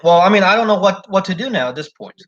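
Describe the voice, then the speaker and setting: A man's voice: high voice, expressive, fast talker, fairly bright tone. A young man in casual chat, retelling a job situation at length with lots of "like" and "so". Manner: rambling retelling full of "like" and "so". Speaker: job applicant telling a story. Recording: dull lo-fi recording.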